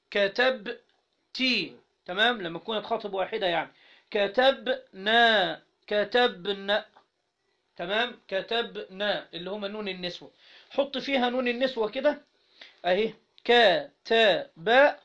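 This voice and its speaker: A man with an Egyptian Arabic accent teaching Arabic grammar to a class, asking students questions again and again and spelling out syllables slowly. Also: high-pitched, vocal fry, a bit bright. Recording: dull lo-fi recording.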